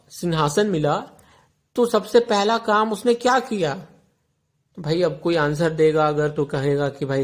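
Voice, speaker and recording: A male teacher with an Indian English accent explains a textbook lesson, repeating words and reading English lines out slowly. His voice is a little high.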